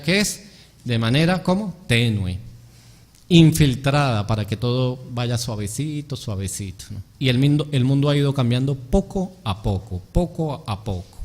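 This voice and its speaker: A man preaching a sermon in a somewhat high voice, pressing his congregation with questions he then answers himself. His voice rings with a long reverb from a church hall. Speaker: pastor.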